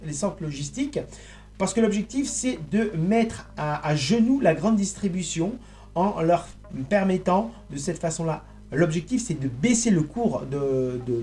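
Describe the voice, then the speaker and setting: A man giving a rambling, indignant monologue to his viewers, halting and restarting as he goes. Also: high voice, warm tone. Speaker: online political commentator.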